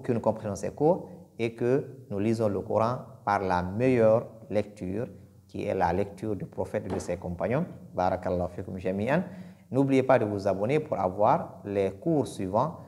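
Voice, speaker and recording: A man teaching Quran pronunciation, speaking deliberately and repeating each sound to demonstrate it. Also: fairly low pitch, darkish tone. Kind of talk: pronunciation lesson.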